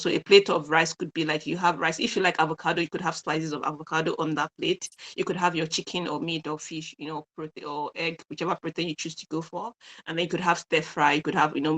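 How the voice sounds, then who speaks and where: Bright-voiced man giving health advice. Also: fairly high pitch. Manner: practical, patient, with many "you know" fillers and light chuckles. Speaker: health and nutrition advisor. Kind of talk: explanatory health talk.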